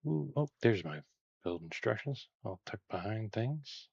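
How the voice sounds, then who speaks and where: A man's voice: fairly low pitch, unhurried, creaky, breathy edge, no room sound, muffled recording. A man with a Texan accent chatting casually on a live stream while building Lego, rambling with lots of fillers. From Texas. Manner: relaxed, rambling with many fillers.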